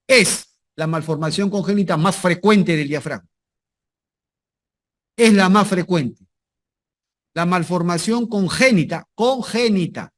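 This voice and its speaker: Man lecturing, repeating key terms. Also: high voice. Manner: repeats key terms, asks students if they follow; jokey asides. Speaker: anatomy lecturer. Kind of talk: medical lecture with slides.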